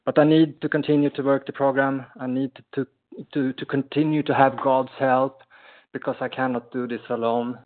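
A man sharing earnestly at a support meeting over a crackly phone line that fades in and out. He talks haltingly, with many restarts. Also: mid-range voice, flat delivery. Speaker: member sharing at a recovery meeting. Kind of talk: personal share in a support meeting. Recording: tinny, narrow phone line.

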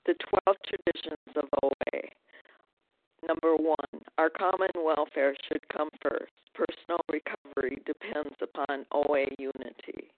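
A man's voice: fairly high pitch, fairly even intonation, measured pace, no echo. A man reading aloud and then talking hesitantly at a call-in meeting, his voice coming through as garbled, glitchy audio on a phone speaker. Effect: garbled, glitchy audio over a phone speaker. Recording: tinny garbled phone line.

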